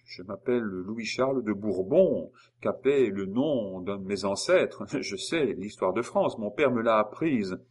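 A man voicing a stoic, polite young captive boy who speaks calmly. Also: on the low side, a little slow, hardly any pauses, slightly rough, pitched above the performer's own voice. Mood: dignified.

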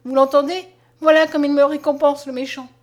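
A woman's voice: high voice, little pitch movement, moderate pace, a little mellow, dull audio, close to an everyday voice. Woman voicing an impassioned young peasant girl. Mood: pleading. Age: young adult. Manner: impassioned, pleading, tearful. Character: devoted nineteen-year-old peasant girl, passionate. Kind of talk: audiobook character reading.

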